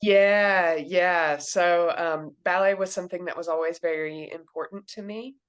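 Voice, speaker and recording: A woman's voice: lowish voice, fairly even intonation, measured pace, clean tone. A woman in her thirties from Kentucky, a children's book author answering interview questions and explaining things simply. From Kentucky, USA.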